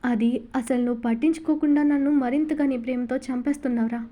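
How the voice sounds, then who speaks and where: Woman voicing shy young wife, bashful, earnest, high pitch, mellow. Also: steady tone, fast talker, lightly acted. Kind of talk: audiobook novel reading.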